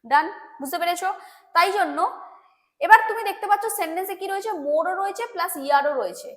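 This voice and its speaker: Talking fast in a very high-pitched, slightly bright voice, a Bengali-accented woman runs an exam-prep English grammar lesson. She is patient, goes back over points, and keeps making sure her students are keeping up.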